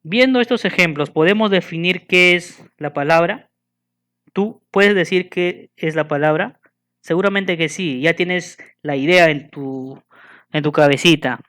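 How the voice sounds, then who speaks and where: A man giving a school lesson, patiently asking the listener questions and slowly spelling and counting things out. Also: fairly high pitch, fairly bright tone. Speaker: teacher.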